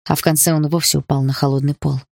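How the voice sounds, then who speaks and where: A man narrating a dramatic audiobook in a measured voice. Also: a little high, level tone, gravelly, darkish tone, no echo, clean studio sound.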